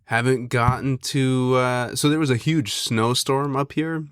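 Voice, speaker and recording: A young man from the Pacific Northwest hosting a casual podcast, talking in a relaxed, rambling way with a nasal, stuffed-up voice. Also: medium pitch, clear, resonant tone, dry recording, studio quality. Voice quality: nasal from allergies. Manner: relaxed, rambling, drawn-out delivery. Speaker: podcast host.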